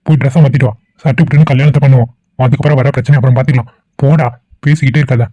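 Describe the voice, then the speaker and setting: A man's voice: medium pitch, steady tone, racing, mellow, dry recording, close to an everyday voice. A man voicing a mocking, bossy kidnapper who means to force a wedding, in a cartoon. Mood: taunting. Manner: taunting, bossy. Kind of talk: cartoon voice acting.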